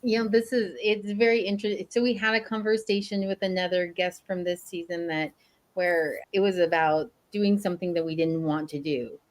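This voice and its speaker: A woman's voice: on the low side, steady tone, a little fast. A woman co-hosting a business podcast, talking in a friendly, conversational way and often checking in with "right?". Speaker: podcast co-host. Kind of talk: casual podcast chat.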